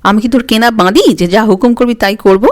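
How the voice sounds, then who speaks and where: A woman reading a Bengali story, voicing a proud, sharp-tongued young woman in a raised voice. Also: fairly high pitch, a little fast, natural voice. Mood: scolding.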